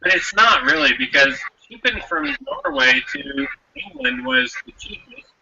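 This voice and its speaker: Lively, bright-voiced man on a podcast. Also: mid-range voice, measured pace, dull audio, slight background noise. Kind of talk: casual chat.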